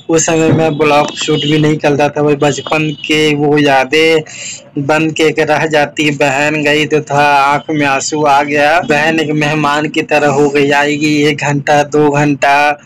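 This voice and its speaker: A man's voice: on the high side, fairly bright tone, a little hiss or hum, rough recording. A young man chatting casually to his vlog camera in a wistful, reflective way. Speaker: vlogger.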